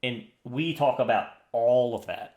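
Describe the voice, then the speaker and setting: A man's voice: mid-range voice, measured pace, darkish tone. A man co-hosting a podcast, chatting casually and enthusiastically, rambling with frequent restarts. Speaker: podcast co-host. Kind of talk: casual chat. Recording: roomy echo.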